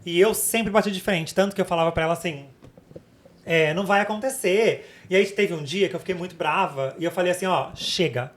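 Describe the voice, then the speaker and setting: Brazilian woman podcast co-host, dramatic retelling, rapid delivery. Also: lowish voice. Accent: Brazilian Portuguese. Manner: animated, dramatic retelling, acts out quotes. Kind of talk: casual chat, personal storytelling.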